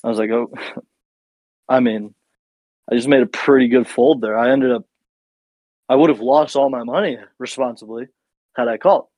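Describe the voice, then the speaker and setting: A man's voice: medium pitch, normal speed, pauses often, darkish tone, no echo, dull audio. A man co-hosting a podcast, telling a rambling, profane story in casual chat. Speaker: podcast co-host.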